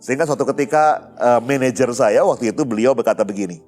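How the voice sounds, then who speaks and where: A male pastor preaches with an easy, conversational storytelling manner. He talks to his congregation directly and keeps coming back to address them. Soft music plays faintly under his voice. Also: medium pitch, quick pace. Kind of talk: sermon with personal story.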